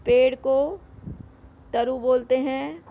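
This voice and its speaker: Her voice is high, warm and steady, with a little noise in the background. Going through a school grammar worksheet in Hindi with some English mixed in, she repeats every word slowly before drilling the proper form.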